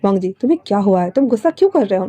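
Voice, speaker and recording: A woman voicing a caring, patient young man who coaxes and questions gently, read aloud in a storytelling retelling. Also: medium pitch, animated, racing, breathy edge. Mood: coaxing. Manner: coaxing, pleading questions.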